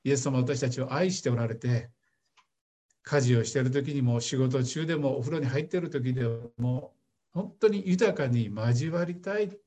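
A man's voice: mid-range voice, normal speed, dark tone. A man leading an earnest spoken prayer in church. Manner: earnest, fervent prayer cadence.

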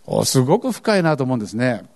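A man's voice: medium pitch, big pitch swings, fast, a little mellow. A male pastor preaching a sermon, earnest, with questions to the congregation.

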